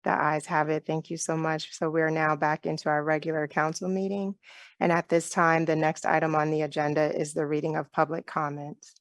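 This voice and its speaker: A woman chairs a town council meeting over a video call, speaking with a low, level voice that barely rises or falls. Her delivery is measured and polite, running through motions and votes step by step. The sound is close and dry, with no room around it. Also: flat delivery, no echo.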